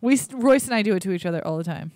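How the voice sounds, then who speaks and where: A man's voice: high-pitched, expressive, rapid-fire, a little mellow, no room sound. Teasing young man, dry close mic. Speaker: radio show co-host. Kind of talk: casual comedic banter.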